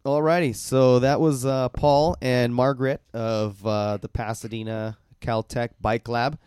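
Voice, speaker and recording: A man's voice: medium pitch, unhurried, smooth. A man hosting a radio talk show, chatting casually and upbeat with lots of fillers. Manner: relaxed, filler-heavy, upbeat.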